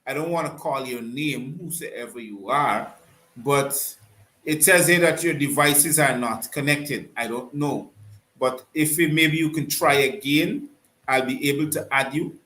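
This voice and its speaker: A man hosting a live online call-in talk show, courteous and unhurried, often trailing off and restarting. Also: mid-range voice, sharp tone. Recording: roomy echo.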